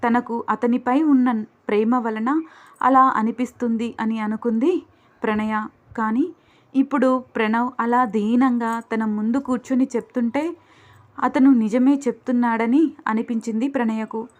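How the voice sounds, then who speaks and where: A woman reading a romantic suspense story aloud in a steady, measured way. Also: a little high. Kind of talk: scripted story narration. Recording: dull lo-fi recording.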